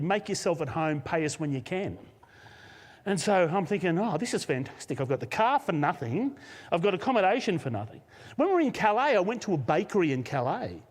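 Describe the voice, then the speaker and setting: A man with an Australian accent, a senior pastor, telling a personal story in a live sermon with lively laughs. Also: on the high side. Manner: animated storyteller, laughs often. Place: church auditorium, live service. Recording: long hall reverb.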